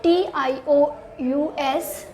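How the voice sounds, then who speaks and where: A woman's voice: sits high, fairly even intonation, extremely slow, a little mellow. A woman teaching an English spelling and pronunciation lesson. She mixes English words into her Hindi, asks questions and then answers them herself, step by step.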